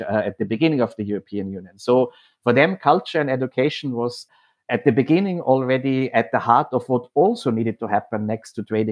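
A man from Austria, head of programs at a foundation, speaking in a measured, explanatory way with occasional hesitations. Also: medium pitch, darkish tone. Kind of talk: podcast interview monologue.

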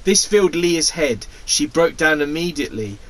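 A man's voice: fairly high pitch, animated, moderate pace, fairly bright tone, poor audio. A man hosting a podcast, reading crude fan fiction aloud with giggly, exaggerated asides. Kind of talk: comic reading and banter.

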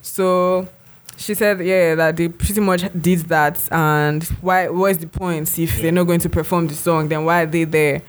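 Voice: mid-range voice, steady tone, a little slow. Rambling podcast co-host. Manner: rambling, heavy use of "like" and restarts. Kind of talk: casual podcast chat.

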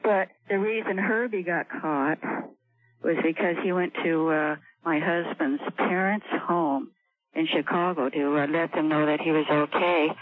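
A woman's voice: low voice, fairly even intonation, unhurried, dry recording. Older woman caller over a tinny phone. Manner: soft-spoken, hesitant. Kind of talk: call-in radio talk. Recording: tinny phone line, dry.

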